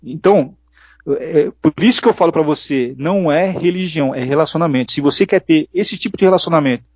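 A middle-aged Brazilian man, speaking with a Brazilian Portuguese accent, shares earnest personal stories as a casual interview guest and acts out the voices he quotes. His voice is fairly high, fairly quick and darkish, recorded dull, lo-fi and dry with no room sound.

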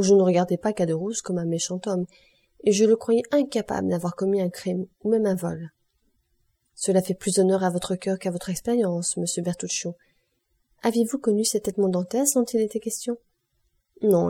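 A woman reading a classic novel aloud as an audiobook, giving the figures' lines with small changes in loudness. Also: mid-range voice, slightly rough. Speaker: audiobook reader. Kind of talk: scripted narration.

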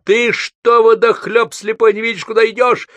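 A man voicing a coarse, aggressive male van driver in an audiobook, yelling and threatening. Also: mid-range voice, a little fast, no echo, voice pushed up, lightly acted. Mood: bellowing. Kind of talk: audiobook reading.

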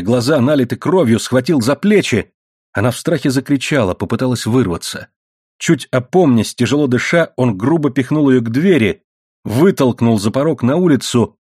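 Measured male audiobook narrator, dry studio. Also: mid-range voice, slightly rough, no room sound. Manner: measured, steady reading. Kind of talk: scripted narration.

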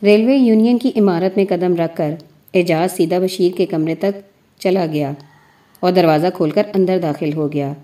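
A woman narrating a novel aloud in a measured, even storytelling manner. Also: on the low side.

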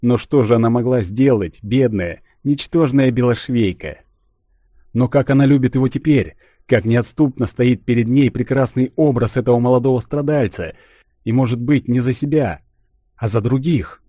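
A man reading a literary audiobook in a measured, even way. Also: medium pitch, no room sound, clean studio sound. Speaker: audiobook narrator.

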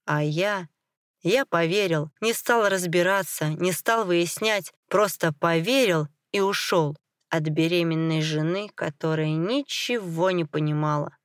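A woman reading a dramatic first-person story in a measured, grave way. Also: on the low side, smooth, no room sound, clean studio sound.

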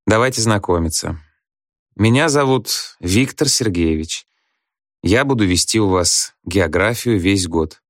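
A man's voice: fairly low pitch, animated, measured pace, no room sound, studio quality. A man reading an audiobook voices a stern young male teacher who gives curt, commanding orders. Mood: dry. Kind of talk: audiobook character voice.

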